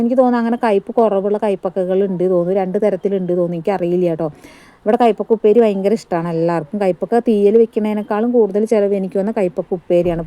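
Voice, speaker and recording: A Malayali woman narrates her home cooking in a rapid, chatty stream, often tagging her sentences with a friendly "kettō". Her voice is mellow and darker in tone. She is recorded on a phone standing a little way off in her kitchen. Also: medium pitch. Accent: Malayali, Kerala. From India. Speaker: family vlogger. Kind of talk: casual cooking vlog narration. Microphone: phone front camera on a stand, some distance away.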